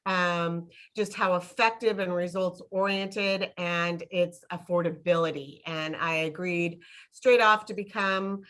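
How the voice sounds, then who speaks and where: Brief: friendly woman host, bright clear tone, loose chatty intro on a video call. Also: on the low side, fairly even intonation, a little slow. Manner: friendly, rambling, filler-heavy. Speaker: host and distributor. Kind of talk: webinar introduction.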